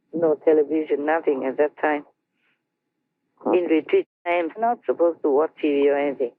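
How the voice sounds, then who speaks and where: A woman slowly telling a story to her team over a conference line, chatty and laughing between phrases. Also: low-pitched, dry recording. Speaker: spiritual teacher telling a story. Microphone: phone or conference line. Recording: tinny dry phone line.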